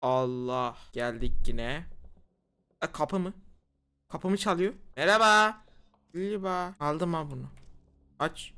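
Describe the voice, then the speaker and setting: A woman giving jumpy, excitable let's play commentary on a horror game, full of slangy exclamations. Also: sits low, slow pace, pauses often, clear, resonant tone. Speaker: gamer.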